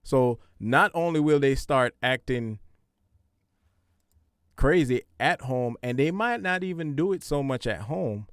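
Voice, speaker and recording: A man's voice: medium pitch, animated, measured pace, clean tone, no room sound, clean studio sound. A man hosting a podcast, giving casual parenting advice in a conversational, repetitive, preachy way. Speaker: podcast host.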